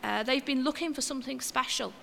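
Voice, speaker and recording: A woman giving an informal sermon in a church, chatty and homely, with gentle self-mocking asides. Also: high voice, fairly quick, creaky, big-room sound, a little hiss or hum. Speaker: preacher.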